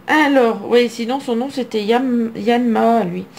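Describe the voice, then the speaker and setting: A middle-aged woman from France, chatting away at home as she opens card packs and reads each name aloud. Her voice sits a little high, and a faint hum of room noise stays behind her the whole time. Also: measured pace, gravelly, darkish tone. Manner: chatty, reading card names aloud, musing to herself. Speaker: mother opening card packs on camera. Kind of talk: casual card-opening commentary. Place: home, indoors.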